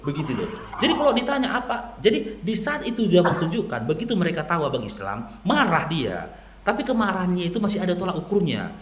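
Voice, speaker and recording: Lively Medan-accented man preaching. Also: high voice, fast talker, reverberant, slight background noise. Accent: Medan Indonesian. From Medan, North Sumatra. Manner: lively storyteller who acts out quoted dialogue. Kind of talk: persuasive religious talk to a listener.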